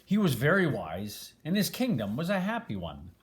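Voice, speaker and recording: Reading a children's storybook aloud, this older man sounds expressive and grandfatherly, leaning on words and stretching them out. He speaks at a normal pace in a voice that runs somewhat high.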